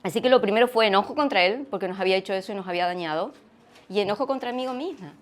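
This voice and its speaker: A middle-aged woman speaks with an Argentine Spanish accent, sharing her testimony from a church stage. Her delivery is earnest and reflective, with frequent pauses, restarts and searching for words. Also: medium pitch.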